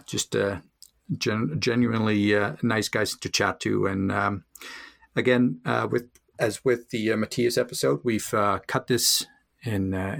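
A man co-hosting a podcast in easygoing casual chat, talking in halting phrases with frequent pauses. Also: fairly low pitch, vocal fry, fairly bright tone. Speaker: podcast co-host.

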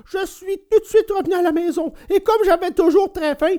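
A woman voicing a hungry, cheeky wooden puppet boy in a storybook reading, whiny and pleading, at times bursting into shouts. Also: extremely high pitch, a little fast.

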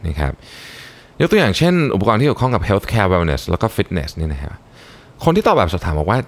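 A man's voice: sits low, huge pitch swings, fairly quick. A man with a Thai accent explaining business research findings in a solo talk, mixing in English terms and polite particles. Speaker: podcast host.

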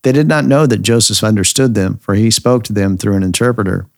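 Male scripture reader, deep gravelly voice, dry close sound. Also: brisk, no echo. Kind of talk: scripture reading.

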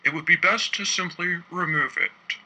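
Uneasy office boss, played by a man, slow and deliberate, tense husky tone. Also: high-pitched, bright, forceful tone, exaggerated voice, poor audio. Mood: uncomfortable. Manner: slow, uncomfortable, deliberate delivery. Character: awkward middle-aged male office boss.

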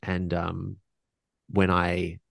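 A man's voice: sits low, monotone, drawn-out words, creaky, a bit bright, dry recording, studio quality. A man speaking as a podcast guest in casual conversation, reflective and earnest, restarting sentences often and sprinkling in slang.

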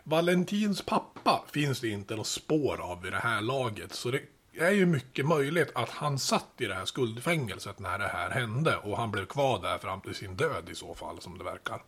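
Male podcast host, low husky voice, casual storytelling narration. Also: hardly any pauses. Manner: relaxed, chatty explaining with asides.

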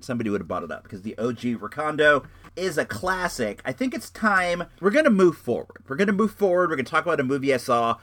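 A man's voice: mid-range voice, a bit bright, no echo. Enthusiastic man chatting casually, dry sound. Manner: enthusiastic, slangy, repeats phrases. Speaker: show host. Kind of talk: casual chat, rambling reviews.

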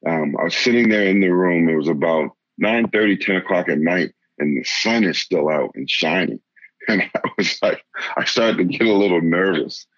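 Man, very low voice, halting storyteller, many restarts, dry dull recording. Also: lively intonation, fairly bright tone, no echo. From Boston area, Massachusetts. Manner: laughs while telling stories. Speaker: interviewee. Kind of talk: casual storytelling. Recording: dull lo-fi sound.

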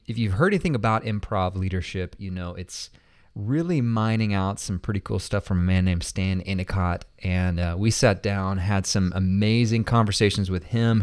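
A man's voice: fairly low pitch, clean tone, no room sound, studio quality. A man co-hosting a podcast, bantering playfully and teasing the others. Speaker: podcast co-host. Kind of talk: casual podcast chat.

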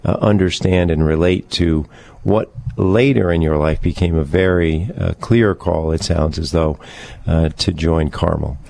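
A man hosting a radio interview in a studio, talking in a measured way with many fillers. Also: sits low, fairly even intonation, gravelly, a little mellow. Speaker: radio show host.

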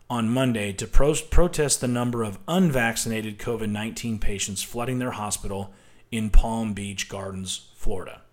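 A man hosting a political commentary show, talking in an emphatic, combative monologue and often tagging his points with a questioning aside. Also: medium pitch. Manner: emphatic, combative, repeats "right?".

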